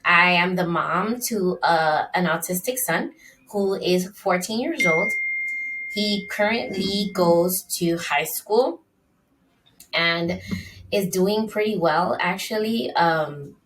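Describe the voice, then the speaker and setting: A woman's voice: fairly low pitch, slow pace, recorded from a distance, noisy background. A middle-aged woman hosting her solo podcast in an upbeat, chatty way, with plenty of ums and uhs. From Dominican Republic. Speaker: podcast host. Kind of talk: casual solo podcast monologue.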